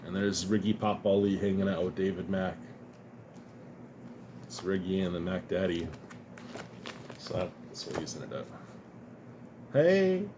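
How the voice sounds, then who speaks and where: A low-pitched man talks a little slowly and pauses often as he shows off comics and cards in a casual unboxing chat, with background noise present. The collector vlogger is relaxed and rambling, laughs now and then, and is slightly sniffly from dust.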